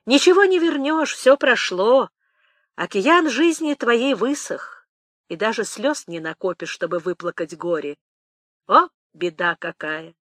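Picture an old village nanny, tender but teasing, whose voice rises and falls in a lively singsong as she croons and laments, as a woman reader puts her on. Sometimes she drops to a hushed whisper. The sound is dry and close. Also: mid-range voice, measured pace, pauses often, dry recording. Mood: lamenting.

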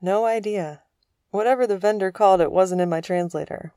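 A woman's voice: medium pitch, fairly quick, warm tone, no echo, clean studio sound, natural voice. A woman voicing an easygoing, practical male starship pilot in a storybook reading, plain and good-natured.

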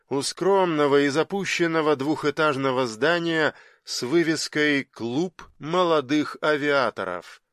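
A man narrating a dark fiction audiobook in a measured, dramatic storytelling manner. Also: fairly high pitch, clear, resonant tone, dry recording, studio quality.

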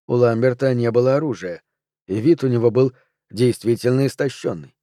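A man reading a novel aloud in an even, measured narration. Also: medium pitch, dry recording, studio quality. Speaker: audiobook narrator. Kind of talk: scripted narration.

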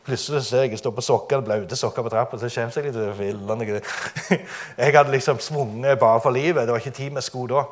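A man giving a testimony sermon, telling his story dramatically and often laughing. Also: medium pitch.

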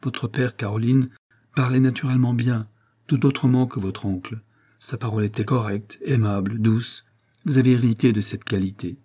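A man voicing a gentle, sorrowful older mother who speaks softly and gravely, in an audiobook reading. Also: mid-range voice, steady tone, natural voice. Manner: soft, grave, measured.

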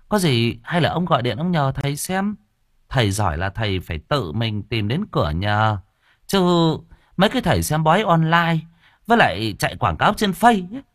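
A man's voice: mid-range voice, a bit bright, dry recording, studio quality, voice pushed up. A man voicing a gossipy older woman who runs a tea stall, chatting and giving advice in a confiding way.

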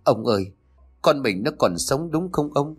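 A man's voice: medium pitch, animated, unhurried, breathy edge, pitched above the performer's own voice. Grief-stricken wailing mother, put on by a man; pleading. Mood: grieving. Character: grieving mother wailing for her daughter.

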